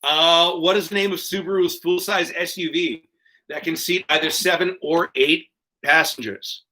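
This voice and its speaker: Reading quiz questions over a video call, a man tosses in joking, profane remarks. He speaks at a normal speed in a fairly high, steady, sharp voice, though the audio is poor.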